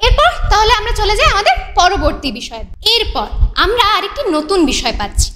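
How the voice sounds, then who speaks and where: A woman with a very high voice and huge pitch swings teaches an English grammar lesson, explaining the rules patiently step by step and putting questions to the class. She reads English example sentences slowly, in an echoey room with faint noise.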